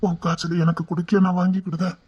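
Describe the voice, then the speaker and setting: A woman acting as a lonely, tender-hearted man in a Tirunelveli Tamil drama, tearful and pleading, often hushed. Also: lowish voice, level tone, fast, breathy edge, dull audio.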